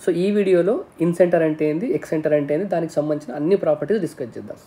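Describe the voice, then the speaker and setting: A male teacher runs through an exam-prep lesson at a quick clip, his voice soft and mellow rather than bright. He explains each step in turn, often checks that the viewer is following, and slips English technical terms into his speech. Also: on the high side.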